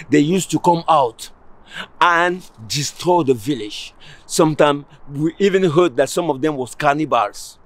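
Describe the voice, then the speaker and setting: Guy telling an old village story, lively, repeats stuff, higher voice. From Cameroon. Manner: animated, repeating phrases, explaining drums. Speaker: storyteller and musician. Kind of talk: oral folk storytelling.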